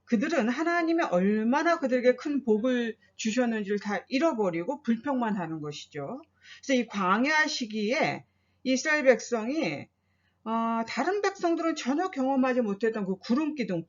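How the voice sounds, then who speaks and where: Lively female pastor teaching Bible study. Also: a little high, normal speed, lo-fi sound. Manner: asks listeners rhetorical questions; acts out quoted complaints and prayers.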